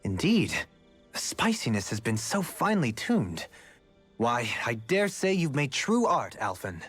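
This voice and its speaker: An actor playing a refined, gentle and eccentric former lord in a game, speaking in formal, courtly phrasing. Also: male voice, medium pitch, sing-song, unhurried, breathy edge, soft background music, full character voice. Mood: gracious. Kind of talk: game character dialogue.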